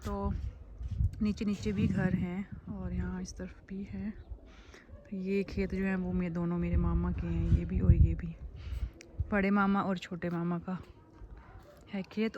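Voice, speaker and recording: A woman's voice: fairly low pitch, dark tone, lo-fi sound, slight background noise. A woman vlogger chatting casually as she walks through a house and onto a rooftop, showing each room. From Himachal Pradesh, India. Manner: chatty, walking and showing rooms. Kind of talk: casual home tour vlog. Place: house and rooftop in a hill village.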